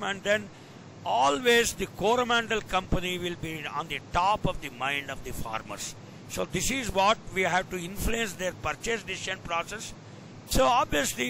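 A man's voice: bright, forceful tone, rough recording. A man with an Indian accent giving an informal online lecture in English and Hindi, prodding his listeners with questions and repeating key phrases. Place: indoors, on a video call. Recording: rumbly background noise on online call.

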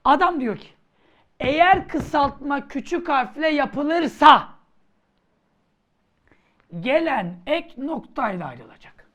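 A woman teacher running an exam-prep grammar lesson in a theatrical style. She talks slowly and deliberately, her high voice swinging widely, and breaks into playful scolding and sudden shouts.

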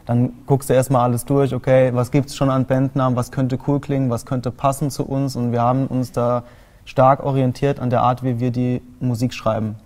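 A young man from Saarland answers interview questions about his band at length, pausing on fillers as he goes. His voice is dark and mellow and stays quite level. The sound is that of a small TV studio. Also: medium pitch, little pitch movement. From Saarland, Germany. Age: 20s. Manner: long explanations with many fillers. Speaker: band guitarist. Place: small TV studio with colored lights.

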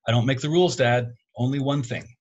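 A man's voice: medium pitch, brisk, a little mellow, dull audio, pitched above the performer's own voice, natural voice. A man voicing a wry, college-bound teenage daughter in a read-aloud story, lifting his voice a little for her.

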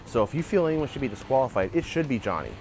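A man in his forties hosts a martial arts channel, arguing his case in lively, animated commentary. He's recorded outdoors in a backyard on a clip-on lapel mic. His voice sits at a middle pitch, with faint music underneath. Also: quick pace. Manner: animated, gestures a lot while arguing a point. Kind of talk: opinionated video commentary. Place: outdoor backyard by a wooden fence.

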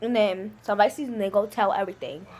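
A female vlogger talking in a chatty, slangy, animated way in a casual comedy video. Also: medium pitch, fast, background noise.

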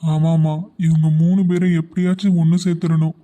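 A woman voicing a gentle elderly grandfather in a cartoon, speaking slowly and softly. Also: low voice, little pitch movement, lightly acted.

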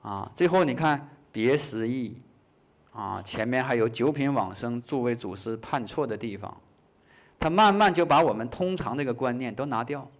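A man teaching a Buddhist class in a lively way, acting out short dialogues, chuckling, and slowing down on key phrases. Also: mid-range voice. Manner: slows down to stress key phrases. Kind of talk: dharma lecture.

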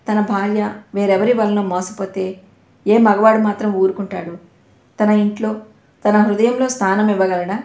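A woman narrates an audio novel with steady, dramatic storytelling. Her voice is of middle pitch and rings in a roomy, echoing space.

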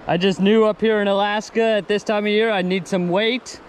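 A man fishing outdoors by a river, calling out excitedly to his viewers as he lands fish, recorded on a head-mounted camera. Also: sits high. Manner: enthusiastic, keeps calling out to viewers. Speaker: fishing vlogger. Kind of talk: excited on-the-spot commentary. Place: outdoors by a river under a bridge. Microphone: head-mounted action camera. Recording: action-camera audio over loud stream noise. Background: rushing stream water.

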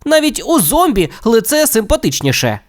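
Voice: sits high, huge pitch swings, normal speed, clear, resonant tone, voice pushed up, exaggerated voice. The narrator of a children's audio tale voicing a cheerful young blocky game hero, who talks in eager exclamations. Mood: annoyed.

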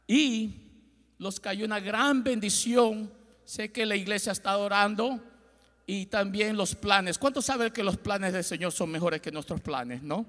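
The high, sharp-toned voice belongs to a middle-aged pastor from Ecuador preaching in Spanish into a handheld mic. Gesturing and pacing a large church stage, he uses call-and-response with the congregation, and the sound is washed in long hall reverb.

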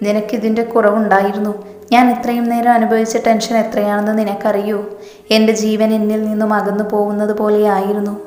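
A woman's voice: mid-range voice, completely flat delivery, a little fast, mellow, close to an everyday voice. A woman voicing a hot-tempered young man who is also a tearful lover, in a storybook reading in a roomy, echoing space. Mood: scolding. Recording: roomy echo with long reverb.

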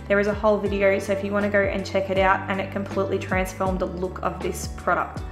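A woman talking casually through a shopping voice-over, relaxed and chatty with lots of fillers. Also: mid-range voice. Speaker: vlogger. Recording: roomy voice-over with faint music.

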